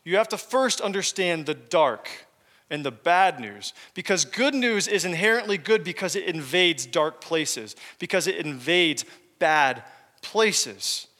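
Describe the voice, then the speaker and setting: Male pastor, fairly high and bright voice, chatty sermon storytelling, long hall echo. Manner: conversational, joking asides to the congregation. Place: church hall with congregation.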